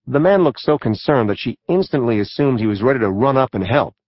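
A male narrator reading a true-crime audiobook in a measured, even storytelling manner. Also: mid-range voice, muffled recording.

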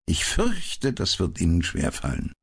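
A man's voice: low-pitched, huge pitch swings, unhurried, breathy edge, exaggerated voice. A man reading an audiobook, voicing the ironic, cool detective Sherlock Holmes with a raised, mocking tone. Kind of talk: audiobook character voice.

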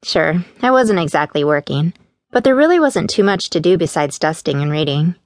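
Female audiobook narrator, first-person teen voice, low-leaning pitch, dry booth. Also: expressive, moderate pace, no echo. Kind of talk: scripted narration. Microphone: studio mic, dry booth.

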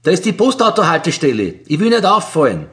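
A man's voice: fairly high pitch, wildly swooping pitch, quick pace, a bit bright, voice pushed up. A fussy, jittery robber, voiced by a male reader speaks in a raised voice that rises and falls sharply. He nags about not standing out. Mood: fretful.

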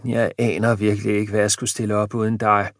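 A man's voice: fairly low pitch, little pitch movement, no echo, studio quality, lightly acted. A man voicing a gaunt, balding old husband who is hearty and good-natured, in an audiobook. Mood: cheery.

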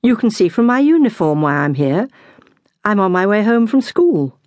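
A woman's voice: mid-range voice, very animated, normal speed, darkish tone, no room sound, voice pushed up, close to an everyday voice. A woman voicing a proud, cool seventeen-year-old Cypriot schoolgirl in an audiobook.

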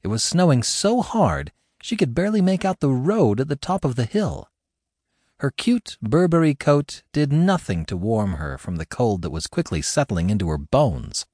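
A male audiobook narrator reading a romance with dramatic, expressive delivery. His mid-pitched voice moves lively up and down the scale, and the recording is close and dry with no room sound. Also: moderate pace, slightly rough, dry recording.

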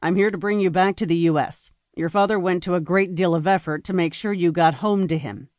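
A woman's voice: fairly low pitch, a little fast, a little mellow, dry recording, lightly acted. Woman playing male military lieutenant, blunt, formal, firm, dry audiobook read. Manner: clipped, formal, insistent.

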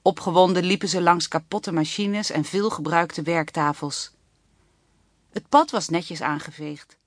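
Low-voiced woman narrating a children's book. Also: unhurried, no room sound, clean studio sound. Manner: even, clear storytelling. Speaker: audiobook narrator.

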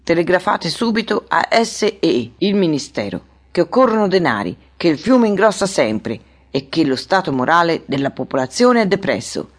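Brusque official, played by a woman narrator, high and loud when he snaps, audiobook storytelling. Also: sing-song, moderate pace, few pauses. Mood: irritable. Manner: brusque, shouting orders. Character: irritable middle-aged male government official.

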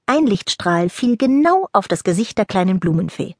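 A woman narrating a children's audiobook in a lively storytelling manner, close to the mic. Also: mid-range voice, normal speed, no echo. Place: dry recording booth. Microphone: close studio mic.

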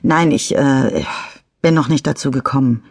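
A woman's voice: very deep voice, moderate pace, darkish tone, dry recording, clean studio sound. A woman reading a nervous middle-aged man who has just hit someone with his car, stammering and turning defensive. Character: nervous middle-aged male driver after a crash. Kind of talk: audiobook character reading.

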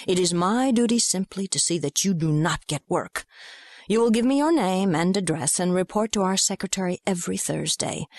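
A woman's voice: lowish voice, dry recording, studio quality, voice pushed up. Miss Ticklebaum, woman doing a prim busybody. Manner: brisk, lecturing and officious. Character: prim, officious young woman, self-important.

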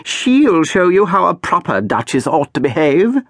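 Storybook villain: a disdainful aristocratic aunt, high and drawn-out, close and dry, played by a man. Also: very animated, dry recording. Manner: snappish, disdainful. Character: haughty cold aristocratic aunt, woman.

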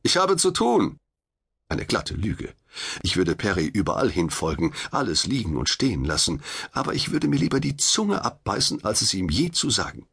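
Gravelly, lively male audiobook narrator. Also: low voice, moderate pace. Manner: wry, expressive, confiding first-person telling. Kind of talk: first-person audiobook narration.

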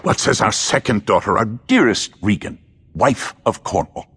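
A man's voice: fairly low pitch, lively intonation, moderate pace, fairly bright tone, breathy edge, full character voice. An actor playing an old king, grand and commanding yet doting, in a theatrical Shakespearean audio drama. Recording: long hall-like reverb.

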